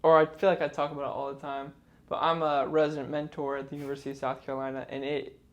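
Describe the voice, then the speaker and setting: A man's voice: mid-range voice, little pitch movement, fast talker. A man in his twenties co-hosting a podcast, joking and teasing his friend in slangy casual chat. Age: 20s. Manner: jokey, teasing, uses slang. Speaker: podcast co-host. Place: indoor room, filmed by a cameraman.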